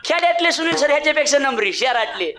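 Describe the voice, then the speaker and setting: A man's voice: extremely high pitch, fast talker, background noise. A man giving a humorous kirtan sermon, mimicking villagers and chanting devotional refrains. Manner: comic mimicry of villagers, lively bhajan chanting. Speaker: kirtankar preacher.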